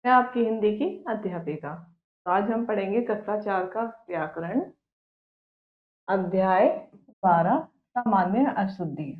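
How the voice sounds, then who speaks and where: Slow, patient female Hindi teacher. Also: medium pitch, roomy sound, narrow, tinny audio. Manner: patient, repeats each word twice and asks questions back. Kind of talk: classroom grammar lesson.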